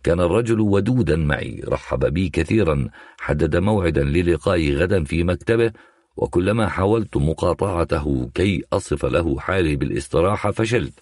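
A man with an Egyptian accent narrating an audiobook in a measured, wry storytelling manner. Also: low voice, expressive, a little mellow, no room sound, studio quality. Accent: Egyptian Arabic.

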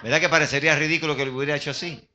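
An older man preaches to his congregation in a lively, questioning way and now and then drops into English phrases. His voice sits high and sounds very bright and cutting. He sounds like a pastor at the pulpit of a church. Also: rapid-fire. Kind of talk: sermon.

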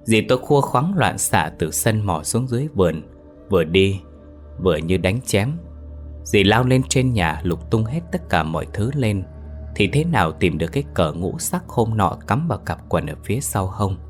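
A man narrating a horror story in a steady, somber way. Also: deep voice, moderate pace. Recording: faint background music.

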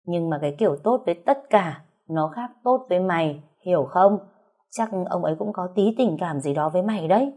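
A woman's voice: lowish voice, animated, fairly quick, dark tone. A woman reader voicing a blunt young woman who pushes her friend frankly in a storybook reading. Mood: pushy. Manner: frank, teasing.

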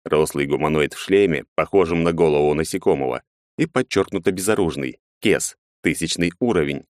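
A man narrating an audiobook in a steady, measured reading. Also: extremely low pitch, dry recording, studio quality.

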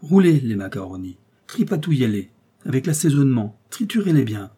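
A man's voice: mid-range voice, very animated, a little fast, warm tone, slightly rough. A man voicing an earnest police detective in an audiobook, speaking in an explanatory, slightly theatrical way. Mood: lecturing. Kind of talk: audiobook character reading.

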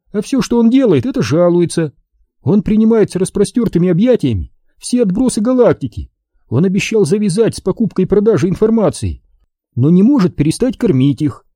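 A man voicing a lively, bossy young woman who runs a café, emphatic and exasperated, in an audiobook. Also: sits high, brisk, slightly rough, dry recording, studio quality, voice pushed up, exaggerated voice. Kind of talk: audiobook character voice.

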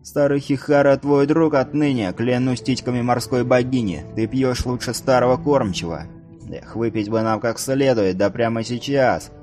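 A man voicing a squat, boisterous old ship's captain with a hoarse bass voice, shouting coarse curses. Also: moderate pace, faint music behind, lightly acted. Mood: loud.

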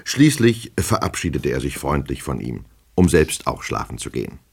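A male reader narrates a classic novel for radio, steady and measured. His voice is extremely deep and gravelly, with a husky grain.

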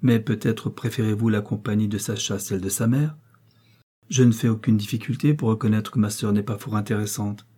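Haughty prince read by a man, cold and sarcastic, dark husky tone, audiobook. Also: fairly low pitch, steady tone, a little fast. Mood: commanding. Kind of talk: audiobook character reading.

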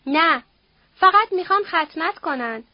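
A woman voicing a rough male servant with a whip who taunts a boy in coarse words. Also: extremely high pitch, lively intonation, no room sound, highs cut off. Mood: taunting.

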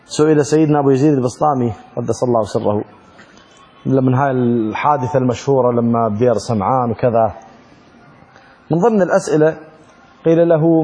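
A man's voice: on the high side, a little mellow, muffled recording. A man teaching Islamic law from a classical text, asking questions and answering them himself, repeating key words for emphasis. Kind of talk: religious lesson, explaining a classical text.

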